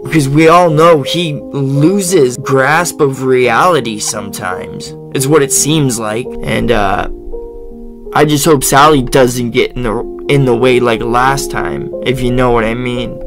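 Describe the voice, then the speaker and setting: A man hosting reaction commentary, mocking and sarcastically answering a clip he pauses. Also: mid-range voice, music in the background. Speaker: commentary host.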